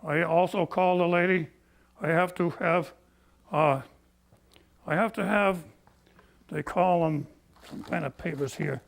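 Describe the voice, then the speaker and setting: A man's voice: fairly high pitch, fairly even intonation, measured pace, vocal fry, long pauses. An older man, short of breath, telling his grievances as a barber in a folksy, plain-spoken, indignant way. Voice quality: breathless from COPD. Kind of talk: personal storytelling, complaint.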